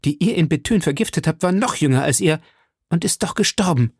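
A softhearted young musketeer, read by a male narrator with an earnest, emotional delivery. His voice sits somewhat higher than the reader's own, and the sound stays close and dry. A storybook reading. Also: animated, fairly quick, breathy edge, dry recording.

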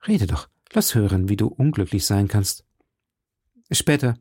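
A man's voice: fairly low pitch, measured pace, breathy edge, dry recording, studio quality. A man doing a brooding, cynical musketeer. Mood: coaxing. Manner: calm, world-weary. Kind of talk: audiobook character voice.

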